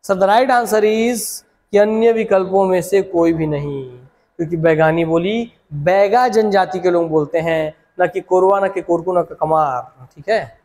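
A man's voice: high voice, unhurried, darkish tone, big-room sound. A man teaching an online exam-prep class, urging viewers on and repeating questions and answers.

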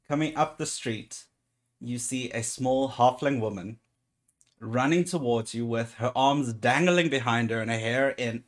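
A man narrating as game master of a tabletop game in an easygoing, descriptive way. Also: medium pitch.

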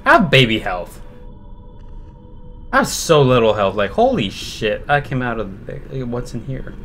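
A man's voice: medium pitch, big pitch swings, unhurried, a bit bright, faint music behind. A man streaming a horror game live, talking to himself and cursing in panic as he plays. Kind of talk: live gameplay commentary.

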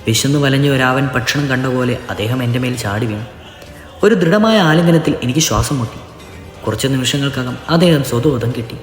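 A frightened, grieving young servant woman from an old tale, as a male narrator reads her part, speaking softly and with a tremble. The voice sits in the middle pitch range and rings out in a roomy space with a long reverb tail. Faint music plays underneath. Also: a little fast, lightly acted. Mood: shaken. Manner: trembling, soft-spoken.

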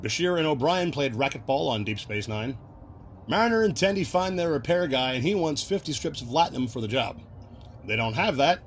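A man hosting a casual recap video, chatty and quick to laugh as he explains references. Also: on the high side, a little hiss or hum. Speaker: video host.

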